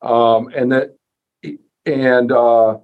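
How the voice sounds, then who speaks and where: A man's voice: mid-range voice, flat delivery, very slow, clean tone, phone-quality sound. A man hosting a casual interview in a folksy, self-deprecating way, thinking aloud as he asks his questions. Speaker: podcast host.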